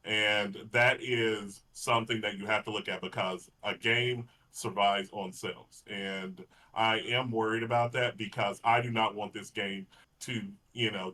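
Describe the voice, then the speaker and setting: A man with a Texan accent talks casual podcast chat in a low voice with a bright, forceful edge. He is earnest and deliberate, circling back to repeat his points. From Texas. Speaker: podcast co-host.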